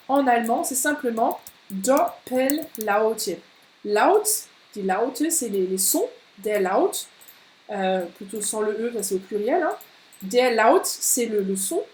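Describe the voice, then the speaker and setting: A woman teaching German in a live online lesson, saying German words slowly and clearly and reading out viewers' comments. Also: on the high side, echoey room, poor audio. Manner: switches between French and slow, clearly spoken German, reading viewers' comments.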